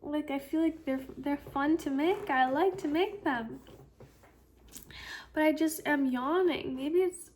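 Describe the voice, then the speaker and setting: A sleepy woman hosts her own casual podcast, yawning through a rambling, filler-heavy chat. Her voice sits high and she talks slowly, drifting from thought to thought. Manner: chatty, rambling, self-talk with fillers. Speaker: podcast host.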